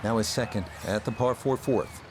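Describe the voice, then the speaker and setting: Male golf commentator with measured, polished delivery. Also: fairly low pitch, background noise. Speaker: golf commentator, play-by-play host. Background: music and crowd.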